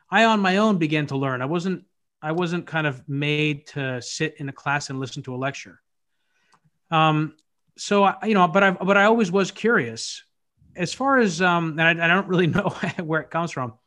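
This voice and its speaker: Brief: a somewhat higher-voiced American man, searching and reflective, video call interview. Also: moderate pace, fairly bright tone. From United States. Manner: thoughtful, searching, frequent restarts. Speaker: podcast host appearing as guest. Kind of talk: casual interview conversation.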